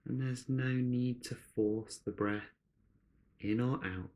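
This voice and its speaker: Leading a guided meditation, this man speaks in short, gentle phrases with long pauses in between, never rushing. His medium-pitched voice keeps a steady tone.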